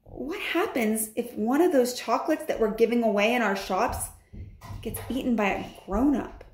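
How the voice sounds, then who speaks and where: A woman's voice: a little high, animated, normal speed, slight background noise, lightly acted. A timid witch asks a hesitant question in a raised voice, acted by a woman reading aloud. The recording has an echoey room sound. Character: timid female witch in audience.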